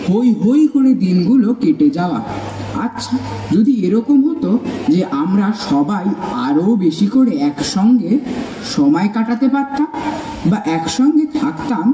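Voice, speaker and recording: A woman with a very mellow voice gives a chatty scripted stage introduction. Her pitch moves a lot, and she is heard at a distance in an echoey space. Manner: chatty, addressing the audience with questions. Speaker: presenter introducing a play. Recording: echoey hall, distant mic, faint noise.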